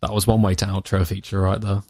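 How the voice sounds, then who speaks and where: Laid back guy hosting a podcast, kinda low voice, jokey. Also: flat delivery, fast, a little mellow. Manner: easygoing, jokey. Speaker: podcast host. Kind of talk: casual chat.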